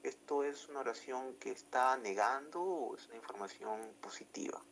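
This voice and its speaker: A man's voice: mid-range voice, moderate pace, a bit bright, slight background noise, rough recording. A man teaching an English grammar lesson, explaining step by step and often checking that students follow.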